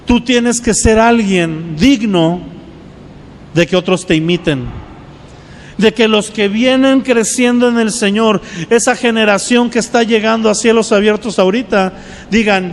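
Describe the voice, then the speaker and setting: High-voiced pastor preaching. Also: male voice, in a large hall, a little hiss or hum. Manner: preaching with call-and-response asides. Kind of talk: sermon.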